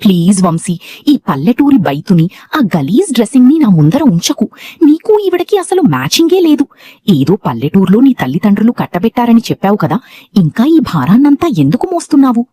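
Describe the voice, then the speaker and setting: A woman's voice: medium pitch, sing-song, brisk, warm tone, pitched above the performer's own voice. A woman voicing a scornful young city woman in a storybook drama, with a disdainful, sneering manner.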